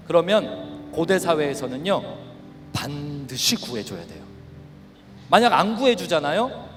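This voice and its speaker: A middle-aged male pastor preaching at a youth camp, animated and shouting at the peaks. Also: high-pitched. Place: large worship hall. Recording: reverberant hall with faint music.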